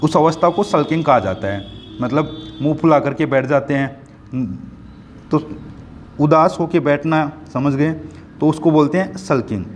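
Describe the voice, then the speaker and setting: A man's voice: a little high, moderate pace, slight background noise. A man with an Indian accent teaching a classroom lesson on a poem, patiently repeating himself and checking that students follow. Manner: patient, repetitive, keeps checking students understand. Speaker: school teacher.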